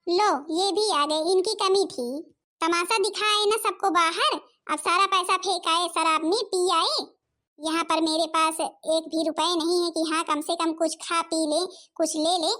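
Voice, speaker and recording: A woman voicing an angry, sharp-tongued young daughter-in-law in a cartoon, scolding and snapping. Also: very high voice, steady tone, a little slow. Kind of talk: Hindi cartoon voice acting.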